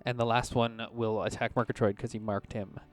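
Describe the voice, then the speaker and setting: Man game master, halting improvised narration. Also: medium pitch, level tone. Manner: hesitant, halting improvisation with vivid description. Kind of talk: improvised narration of tabletop combat.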